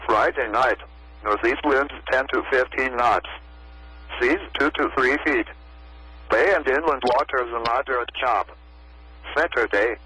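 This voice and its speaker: On a low-quality weather radio broadcast, a computerized American man's voice delivers a marine forecast script stiffly. The synthetic voice has medium pitch, a sharp tone, and a breathy edge.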